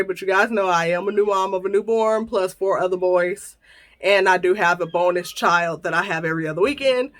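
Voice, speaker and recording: A woman hosts her own vlog. She chats with her viewers in a casual, playful way. Her voice sits in a middle pitch. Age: 30s. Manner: lively, chatty, playful storytelling. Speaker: channel host.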